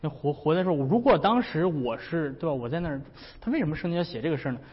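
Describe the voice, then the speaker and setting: A male pastor with a slightly high voice, delivering a sermon in a loose, joking, conversational manner. The sound is dull, with a long hall reverb behind the voice. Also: lively intonation, quick pace, husky. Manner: chatty, humorous, often laughing.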